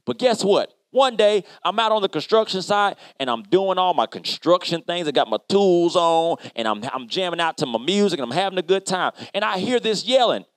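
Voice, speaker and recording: A man playing an upbeat construction worker who tells a Bible story to children in an animated, chatty way. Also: high-pitched, moderate pace, few pauses, no room sound. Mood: lively. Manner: animated, chatty, addresses kids directly. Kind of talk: kids' Bible lesson storytelling.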